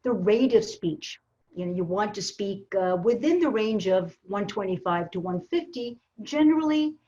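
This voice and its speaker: A woman's voice: medium pitch, moderate pace. A woman coaching on public speaking in a virtual workshop, talking emphatically with frequent restarts. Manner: lively, emphatic, with repeated restarts. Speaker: communication coach. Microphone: laptop mic on a video call. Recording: slightly dull video-call audio.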